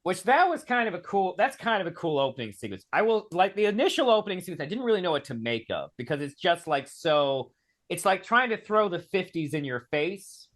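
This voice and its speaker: Brief: host, man, a touch high-pitched, halting "like"-filled speech, casual video call talk. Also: very animated, a bit bright. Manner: hesitant, filler-heavy with many "like"s. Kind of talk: casual film discussion.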